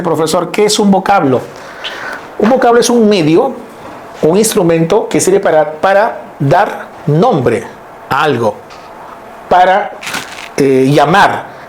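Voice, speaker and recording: Male teacher, middle-aged, high voice; lively classroom lecture, keeps checking in with students. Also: slight background noise. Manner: lively, explains step by step, keeps checking in with listeners. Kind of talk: classroom lecture on word roots.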